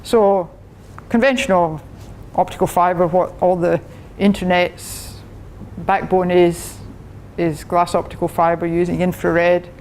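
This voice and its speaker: With a fairly low, darkish voice, a steady tone and a measured pace, an older professor from Scotland talks a club through a technical subject as their guest speaker. She keeps it chatty, laughs a lot and often starts sentences over, against slight background noise.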